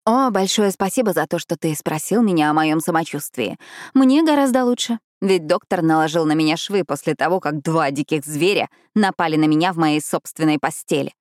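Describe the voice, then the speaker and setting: A woman's voice: fairly low pitch, a little fast, a little mellow, no echo, clean studio sound, lightly acted. A woman voicing an angry, sarcastic young female captive in an audiobook, speaking sharply and raising her voice.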